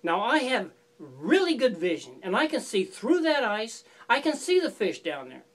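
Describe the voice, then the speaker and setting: A woman's voice: a little high, very animated, normal speed, slightly rough. A sly, coaxing trickster fox, as a woman storyteller puts him on. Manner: coaxing, falsely friendly instructions. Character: sly scheming male fox, smooth talker.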